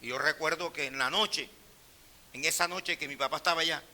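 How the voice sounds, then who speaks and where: A middle-aged pastor delivers his sermon in a bright, cutting voice that sits a little high for a man. He tells his stories in a low, hushed tone, then rises into loud, emphatic preaching. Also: brisk. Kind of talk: sermon with personal storytelling.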